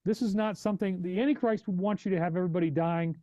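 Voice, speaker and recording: A man hosting a live podcast stream, reacting to news and chat with animated, incredulous questions. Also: high voice, quick pace, no room sound, dull audio. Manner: reads chat donations aloud. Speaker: podcast host.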